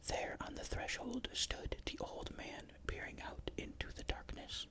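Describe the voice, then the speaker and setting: A narrator reading a ghost story in a breathy, unvoiced whisper, with measured, careful literary phrasing. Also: bright, forceful tone.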